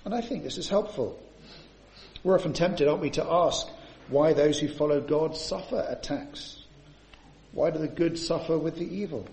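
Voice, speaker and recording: Male preacher, slightly high, mellow tone, sermon style, echoey church sound. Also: normal speed, gravelly. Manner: asks rhetorical tag questions.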